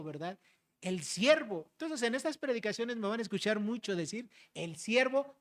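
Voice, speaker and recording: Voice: mid-range voice, fairly bright tone. A pastor preaching an expository sermon, speaking directly to the congregation and often adding tag questions to check they follow. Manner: direct, rhetorical questions, frequent "¿verdad?" tag; explains verses to the congregation, addressing them as brothers.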